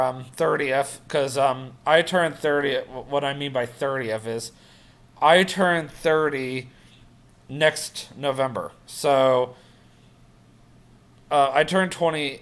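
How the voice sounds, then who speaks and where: A man's voice: mid-range voice, fairly bright tone. A man in his late twenties rambling through a casual personal vlog update, full of fillers and self-corrections. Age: 20s. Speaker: vlogger.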